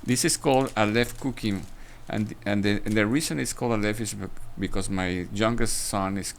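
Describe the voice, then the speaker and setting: A cafe owner from Mexico, talking in a hesitant way with many fillers and restarts in a casual interview. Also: male voice, lowish voice, fairly quick, creaky, a little hiss or hum.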